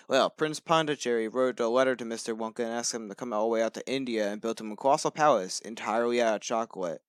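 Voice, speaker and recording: A man's voice: mid-range voice, clean tone, dry recording. A young man reading a story aloud to friends on a phone call, hammy and playful.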